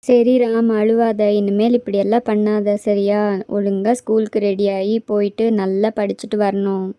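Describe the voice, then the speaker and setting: A woman's voice: mid-range voice, little pitch movement, normal speed, mellow, clean tone, no room sound. A woman narrating and voicing the adults in a doll play story, in a matter-of-fact way.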